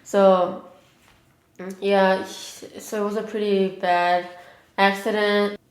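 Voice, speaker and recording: A young mukbang vlogger eats on camera and chats casually in a mid-range voice with little pitch movement. She rambles and leans heavily on "like" to fill her pauses, and the room echoes noticeably around her.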